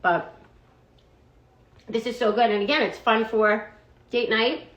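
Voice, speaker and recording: A woman's voice: a little high, fairly even intonation, a little slow, fairly bright tone. A woman giving a casual, chatty review of food products she likes, often padding her talk with "like" and "um". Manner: chatty, fillers of "like" and "um". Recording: roomy echo.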